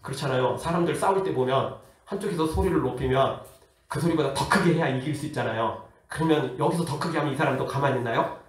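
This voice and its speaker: A man who is a pastor, preaching a sermon in a lively way with rhetorical questions and acted-out voices. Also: medium pitch, quick pace, heavy reverb, recorded from a distance. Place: church hall.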